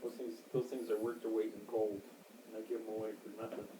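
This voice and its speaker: A man in his sixties with a gravelly voice, rambling and boasting in a casual interview. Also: fairly low pitch, level tone, fast talker. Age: 60s. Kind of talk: casual chat. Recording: echoey, distant, noisy amateur recording.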